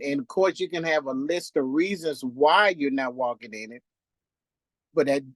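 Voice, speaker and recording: A man in his fifties joins a faith-based Q&A discussion and talks in halting phrases with many restarts and fillers. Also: a little high, no echo. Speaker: participant on a call-in Q&A.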